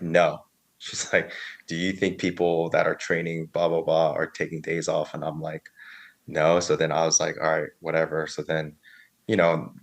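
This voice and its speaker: A man in his thirties with a very deep, low-pitched voice tells his story as a podcast guest. He rambles casually, repeating "so then" and "like", and acts out the words of others. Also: gravelly, fairly bright tone. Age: 30s. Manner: rambling, filler-heavy, quotes others.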